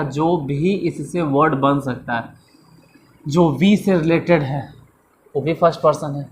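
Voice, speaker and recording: A man's voice: fairly high pitch, a little hiss or hum. A man teaching a casual beginners' grammar lesson, chatty and repetitive, with a self-mocking manner.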